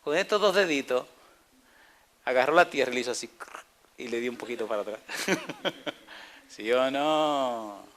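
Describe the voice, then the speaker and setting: A man's voice: medium pitch, expressive, moderate pace, pauses often, fairly bright tone. A man preaching a sermon, acting out biblical dialogue and asking the congregation questions. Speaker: pastor.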